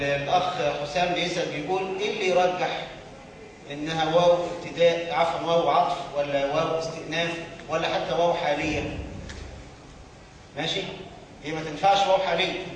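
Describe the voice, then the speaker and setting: A man with an Egyptian Arabic accent teaching a grammar lesson to a class, often pausing on a question for students to fill in the answer. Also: a little high, steady tone, a little hiss or hum. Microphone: distant room mic. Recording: echoey hall from far off.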